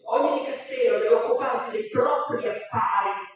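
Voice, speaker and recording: A man's voice: very high-pitched, moderate pace, phone-quality sound, crowd noise, voice pushed up. A man voicing a suave, mocking male devil who speaks with lordly irony, heard from far off in a roomy hall. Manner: sly, sneering.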